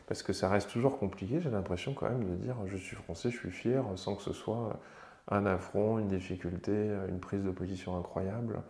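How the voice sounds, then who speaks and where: A male host leads a conversational interview in a fairly low voice. He probes with questions and reflects aloud, often restarting his sentences. The recording carries a noticeable room echo. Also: moderate pace, darkish tone. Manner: probing, thinks aloud, restarts phrases.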